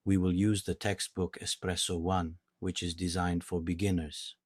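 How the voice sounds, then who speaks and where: Patient and measured, a man from Italy teaches beginners a language, his deep voice slow, clear and Italian-accented. The clean studio recording is dry and calm in feel.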